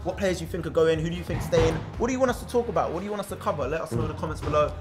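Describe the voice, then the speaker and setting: A young man co-hosting a casual football chat, excitable and full of playful banter. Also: a little high, very fast, music in the background. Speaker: co-host.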